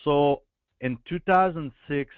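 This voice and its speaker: A man with a French accent, a native French speaker, giving a webinar presentation as a guest, halting and searching for English words. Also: a little high, clear, resonant tone, dry recording. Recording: tinny phone-line audio.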